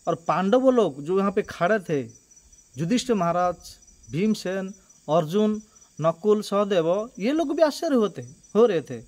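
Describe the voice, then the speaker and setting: High-voiced man telling devotional stories. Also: darkish tone. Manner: repeats words for emphasis, earnest. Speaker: devotional storyteller. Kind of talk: devotional storytelling.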